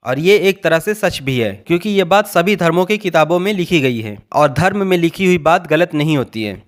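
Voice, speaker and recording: A man gives an English grammar lesson in a voice that sits a little high. He explains each point patiently and goes over it again. He slows right down when he reads out the English example sentences. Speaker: English teacher. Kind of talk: Hindi-language grammar lesson.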